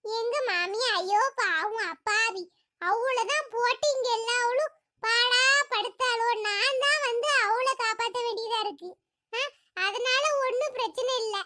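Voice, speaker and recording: A woman's voice: very high-pitched, a little slow, bright, forceful tone. A woman voicing many characters in a village cartoon comedy, with chatty village talk.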